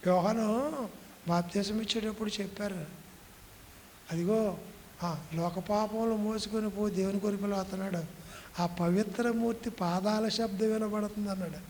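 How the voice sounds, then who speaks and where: Male pastor, high voice, slow deliberate preaching, rhetorical questions, reverberant hall, faint background noise. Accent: Telugu. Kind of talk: Telugu sermon.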